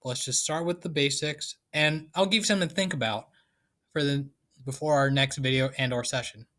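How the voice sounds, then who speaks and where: A man's voice: medium pitch, brisk, pushed and bright. A man teaching a math lesson in a casual, playful way with joking asides. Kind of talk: casual lecture.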